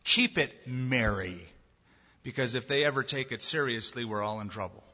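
A man voicing a menacing male devil in a slow, low growl. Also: pushed and bright, long reverb tail, muffled recording.

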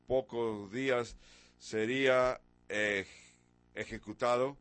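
With a lowish voice captured in a dry recording, a man in his sixties delivers his sermon through rhetorical questions and sharp stress on chosen words. He comes from a foreign country that had an emperor in the past.

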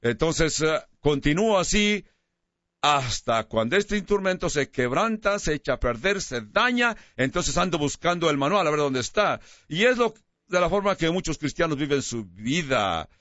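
A man preaching a sermon as a pastor, slowing down to stress key words. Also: a little high, sing-song, fairly bright tone, no room sound, highs cut off.

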